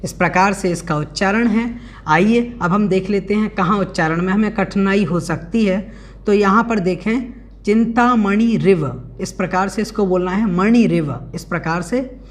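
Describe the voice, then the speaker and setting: A man teaching an online scripture class, explaining verses word by word and chanting them slowly. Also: high voice. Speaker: religious teacher.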